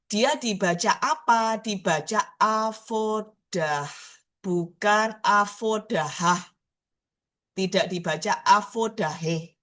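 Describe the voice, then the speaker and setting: A woman's voice: mid-range voice, fairly bright tone. A woman with a Surabaya Javanese accent teaching an online language class, patiently repeating each word so her students can copy the pronunciation. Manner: slow, patient, repeats words to drill pronunciation.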